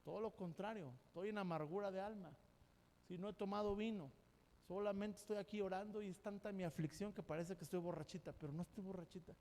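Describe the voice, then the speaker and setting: A man voicing a distressed woman who pleads softly and quickly, her soul bitter as she prays. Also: high voice, fairly even intonation, big-room sound. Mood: pleading.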